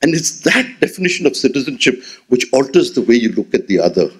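An auditorium memorial lecture is given at a podium by a man in his sixties with an Indian English accent, via a gooseneck mic. Quick-paced and mid-range with a slightly rough voice, he speaks expressively with rhetorical gestures.

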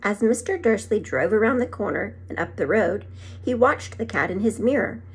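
A second grade teacher in middle age reads a children's book to her class from a small room at home, voicing the story with animation and adding quick asides. Her mid-range voice has a breathy edge and moves at a normal speed, recorded by a phone or tablet propped at arm's length.

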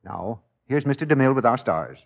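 American man, 1940s announcer and pitchman, animated delivery, middle pitch, dull vintage sound. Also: a little fast, gravelly. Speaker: radio announcer. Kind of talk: 1940s radio announcing and advertising. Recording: muffled 1940s radio broadcast.

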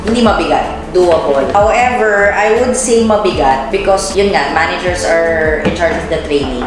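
A woman's voice: lowish voice, normal speed. A woman in her thirties with a Filipino accent, answering casually in a group interview and switching between two languages. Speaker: cabin crew manager. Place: small indoor room, group around a table. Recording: echoey room with music underneath.

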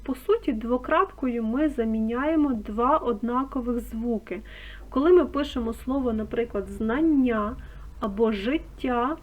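A woman teacher giving a school lesson on phonetics, speaking clearly and deliberately and stressing key terms. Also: on the high side, a little mellow, lo-fi sound. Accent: Ukrainian.

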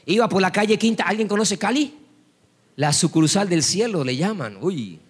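Male pastor, high voice, animated storytelling sermon, long church echo. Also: normal speed, husky. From Colombia. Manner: storytelling preacher acting out voices, rising to loud praise. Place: church hall.

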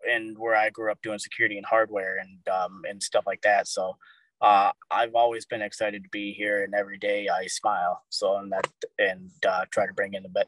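A man's voice: on the low side, a bit bright, dry recording, rough recording. A man guesting on a casual show, easygoing and rambling, with many fillers. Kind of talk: casual interview chat.

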